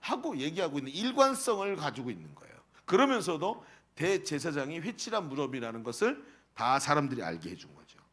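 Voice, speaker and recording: A man's voice: on the high side, big pitch swings, brisk, hardly any pauses, fairly bright tone. A male pastor preaching a sermon, asking the congregation rhetorical questions.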